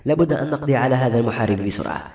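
A man's voice: mid-range voice, very fast, a little mellow, natural voice. A man voicing a scornful, bitter young princess who sneers and snaps irritably. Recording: roomy audiobook recording, faint music.

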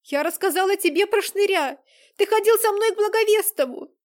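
A woman's voice: high voice, normal speed, darkish tone. Woman voicing a panicked young woman. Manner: pleading, panicked outbursts. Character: frightened young woman, desperate and shrill. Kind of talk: audiobook character reading.

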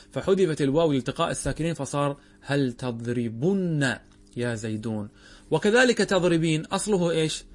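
A man teaching a grammar lesson as a sheikh. He explains step by step, poses questions and answers them himself, and draws out example words slowly. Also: fairly high pitch.

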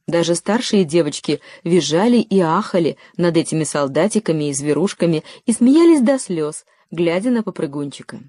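A woman reading a children's story aloud as narrator, in a steady, even storytelling manner. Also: fairly low pitch, moderate pace, few pauses, dry recording. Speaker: audiobook narrator. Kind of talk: scripted narration.

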